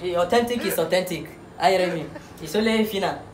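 A woman's voice: on the low side, quick pace, crowd noise. A woman giving a joking spelling lesson, playful and repetitive, laughing often. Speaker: comic host. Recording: roomy echo.

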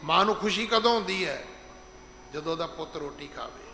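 A middle-aged man giving an emphatic sermon as head preacher, slowing down to stress scripture and acting out the people he quotes. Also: fairly high pitch, animated, pushed and bright, a little hiss or hum. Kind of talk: gurdwara sermon. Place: large gurdwara hall. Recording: echoey hall with long reverb, faint ambience.

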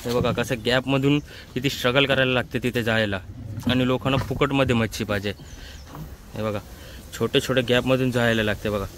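His voice is medium-pitched, fairly bright and fairly even in intonation, and he talks briskly. A man with a Mumbai accent, he's a vlogger giving casual commentary from a small open boat on a creek, often pointing things out, captured on a handheld phone in a noisy outdoor recording.

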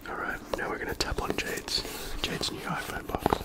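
Asmr tapping creator whispering, breathy no voice, rambly slangy self-deprecating chat. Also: moderate pace. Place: indoors at home.

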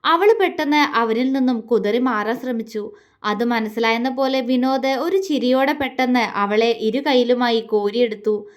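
A woman reading a romance story aloud, narrating in a soft, steady way. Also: on the high side, moderate pace.

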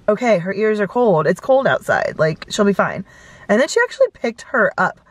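A woman's voice: medium pitch, big pitch swings, moderate pace, no echo. A woman in her thirties, chatting casually into a camera from inside her car, rambling with lots of fillers. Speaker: vlogger. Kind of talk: casual storytelling. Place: inside a parked car at night. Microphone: camera close in front.

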